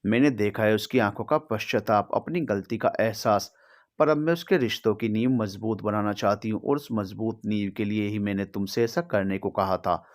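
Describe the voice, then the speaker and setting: A stern, loving middle-aged mother, read by a man with a fairly low voice. She speaks earnestly, pleads, and scolds firmly in a storybook reading. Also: normal speed, lightly acted.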